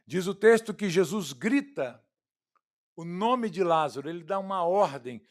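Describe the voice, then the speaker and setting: Brazilian pastor guy preaching, slightly high voice, goes loud then drops to near hush. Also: lively intonation, measured pace. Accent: Brazilian Portuguese. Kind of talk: expository sermon.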